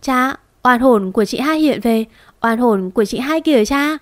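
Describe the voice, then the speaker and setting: A woman's voice: on the high side, expressive, moderate pace, no echo, pitched above the performer's own voice, close to an everyday voice. A woman voicing a big but cowardly younger brother who sobs and pleads in a panic. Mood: panicked wailing. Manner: sobbing, frantic pleading.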